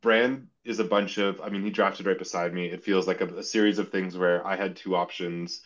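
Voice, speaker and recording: Casting: deep-voiced podcast panelist, indecisive and wavering, muffled sound. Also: male voice, fairly even intonation, fairly quick, a bit bright. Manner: wavering, second-guessing himself. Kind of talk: casual fantasy sports chat. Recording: dull lo-fi sound.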